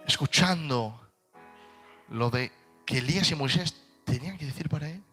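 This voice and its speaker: A man with a Spain Spanish accent preaching a sermon with passion, swinging between ringing proclamation and hushed, close delivery. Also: a little high, moderate pace, breathy edge, soft background music. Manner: impassioned, swings from shouted proclamation to hushed intimacy.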